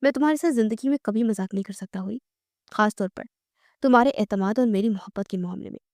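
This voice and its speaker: A woman's voice: mid-range voice, darkish tone, no room sound, studio quality, lightly acted. A woman voicing a devoted young husband in a romance audiobook, speaking in an earnest, reassuring way.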